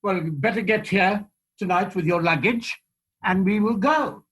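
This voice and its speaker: A man voicing a brisk, jovial older theatre company manager with a posh, clipped, breezy manner and a husky voice. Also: high voice, fairly bright tone. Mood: jovial, reassuring.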